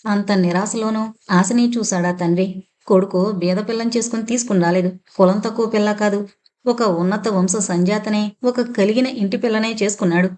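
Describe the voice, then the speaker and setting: A woman narrates a family novel in steady, scripted storytelling. Her reading voice sits in a middle pitch and stays close and plain. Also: normal speed. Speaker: audiobook narrator.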